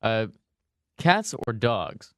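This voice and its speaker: Young male interviewer, lively bouncing delivery, teasing, dry close mic. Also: fairly low pitch, no echo. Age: young adult. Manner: teasing, fires off quick questions. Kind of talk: casual rapid-fire Q&A.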